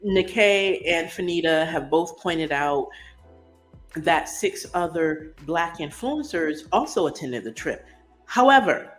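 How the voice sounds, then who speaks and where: A woman hosting a podcast in casual, blunt, sarcastic commentary, with many "um" and "you know" fillers. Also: on the low side. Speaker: podcast host.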